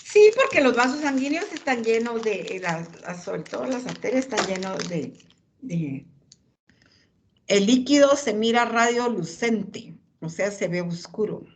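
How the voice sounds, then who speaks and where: A woman's voice: a little high, lively intonation, measured pace. A woman lecturing anatomy, pointing out images and calling on students by name.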